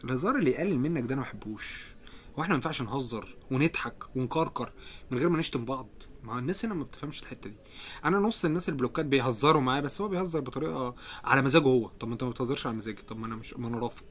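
A man's voice: mid-range voice, lively intonation, very fast, fairly bright tone, slight background noise. A man with an Egyptian accent hosting a live stream, chatting casually as he reads out viewer comments and answers them. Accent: Egyptian Arabic.

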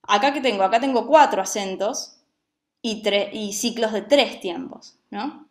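A woman's voice: mid-range voice, unhurried. A woman teaching a music lesson, who explains patiently and often checks that her students follow.

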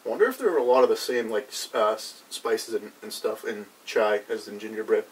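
Halting young man, slightly low voice. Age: young adult. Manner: halting, filler-heavy, searching for words. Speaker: reviewer. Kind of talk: casual unscripted review chat. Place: small cluttered indoor room with brick wall. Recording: distant mic, background noise.

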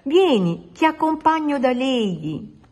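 A woman voicing a small, friendly red and blue bird in a children's storybook, bright and eager. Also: high-pitched, sing-song, slow pace, voice pushed up, exaggerated voice.

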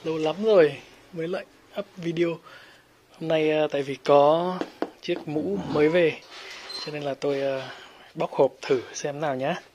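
Helmet shop guy doing a casual unboxing vlog, lots of uh pauses, bit of noise and clicks behind. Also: medium pitch, fairly even intonation, a little mellow. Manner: hesitant, many fillers. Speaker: helmet shop owner and vlogger.

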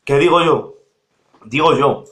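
A man's voice: fairly high pitch, measured pace, a bit bright. A man, earnestly voicing a complaint in a casual video. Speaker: youtuber in the reacted video. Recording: echoey room.

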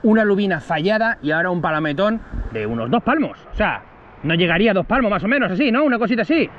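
A man's voice: sits high, big pitch swings, quick pace, highs cut off, slight background noise. Upbeat man at a sea cove. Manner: enthusiastic, addresses viewers directly. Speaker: fishing guide. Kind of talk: fishing vlog talk to camera. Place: outdoors at a seaside cove.

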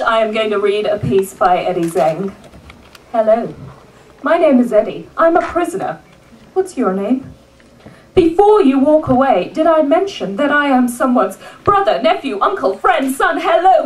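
A woman delivers rhythmic spoken-word poetry at a live event, her high voice leaping and dipping with lively swings. She whips the audience into call-and-response. She sounds a little distant from the microphone.

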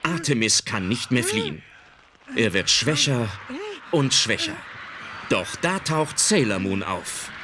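Loud music runs under a man's sing-song, mid-range voice as he slowly narrates a children's adventure radio play, with some background noise. He plays the dramatic male storyteller of a magical-girl adventure.

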